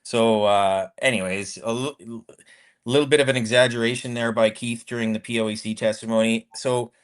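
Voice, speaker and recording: A man's voice: medium pitch, fairly even intonation, a little fast, clear, resonant tone. A man in his fifties, a former convoy accountant, telling his story in a casual interview, rambling with many restarts and fillers.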